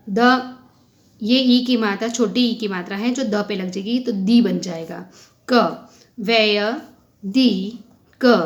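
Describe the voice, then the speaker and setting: A woman teaching a kindergarten reading lesson, sounding out syllables one at a time and asking questions as she goes. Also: on the high side. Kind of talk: slow spelled-out phonics lesson.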